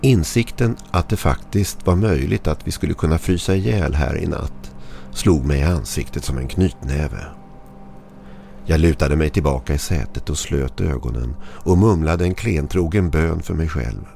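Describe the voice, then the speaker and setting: A man narrating a scripted horror story in a measured, ominous way. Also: low-pitched, creaky, warm tone, slight background noise.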